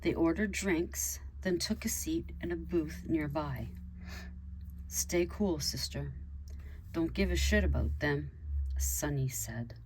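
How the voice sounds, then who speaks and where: A woman reading her own story aloud in a plain, unhurried way, lifting her voice for the characters' dialogue. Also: low-pitched, a little mellow, a little hiss or hum.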